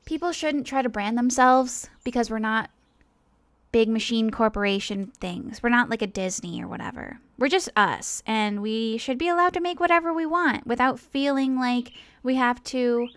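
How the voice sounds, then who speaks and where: Clean in tone and slightly bright, this woman's somewhat high voice is recorded dry. An online animator and video creator, she rambles casually and earnestly about personal matters, hesitating and interrupting herself a lot.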